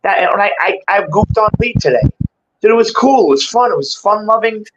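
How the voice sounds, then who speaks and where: A man's voice: high voice, expressive, brisk. A man in his sixties chatting casually and off the cuff, swearing freely and peppering his streetwise talk with bro, dude and man. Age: 60s. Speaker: guest in a livestream chat. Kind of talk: casual unscripted chat. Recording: dull lo-fi stream audio, clear background noise.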